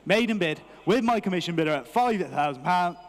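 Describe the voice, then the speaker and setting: British male auctioneer, high-set voice, rhythmic repeated bid calls, long hall reverb. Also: lively intonation, fairly quick. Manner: repetitive rhythmic chanting of figures. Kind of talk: live auction bid calling.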